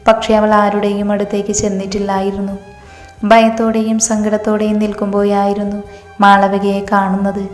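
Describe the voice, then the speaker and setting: A woman reading a story aloud in a calm, measured way. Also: medium pitch. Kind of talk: scripted story narration. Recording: roomy hall reverb, faint music.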